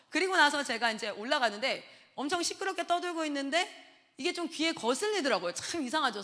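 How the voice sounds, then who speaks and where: A woman missionary giving a sermon, telling stories in a lively way and acting out the dialogue. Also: high-pitched. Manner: lively storytelling that acts out dialogue. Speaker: missionary preacher. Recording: long reverb of a hall.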